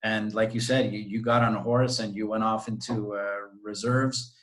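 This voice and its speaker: This Costa Rican real estate agent, interviewed over video call, keeps a steady tone and moderate pace in his lowish voice. He is friendly and chatty, explaining things at great length.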